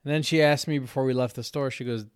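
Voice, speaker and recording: A man's voice: medium pitch, fairly even intonation, fast talker, clean tone, dry recording, clean studio sound. Laid-back man telling a crude story. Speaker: podcast co-host. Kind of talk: casual chat.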